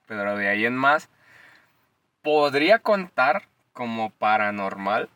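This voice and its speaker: A young man with a Mexican Spanish accent tells stories on a podcast in loose, slangy talk full of swearing. His voice is bright and forceful. He sits a little back from the microphone. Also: medium pitch, takes it slowly, clear, resonant tone, dry recording, distant mic. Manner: slangy, animated, swears freely. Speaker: podcast co-host. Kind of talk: casual storytelling chat.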